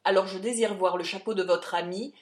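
A woman's voice: fairly low pitch, big pitch swings, measured pace, echoey room. A woman reading aloud, voicing a furious, bullying older male general who roars and blusters. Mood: menacing. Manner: roaring, blustering.

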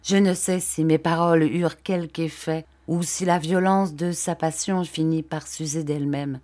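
A woman reading a classic novel aloud as an audiobook narrator, measured and even. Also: deep voice. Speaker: audiobook reader. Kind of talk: scripted narration.

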